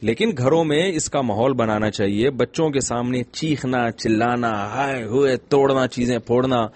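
Husky-voiced man giving a gentle religious talk. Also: medium pitch. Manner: gentle, humorous storytelling with rhetorical questions. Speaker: Islamic scholar.

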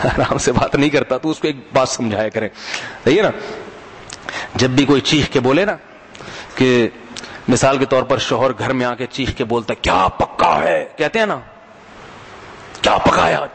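A religious preacher delivers a conversational sermon, sprinkling in humorous anecdotes and regularly prompting his audience to answer back. His mid-range voice is slightly rough, he speaks at normal speed, and the sound carries a big-room echo.

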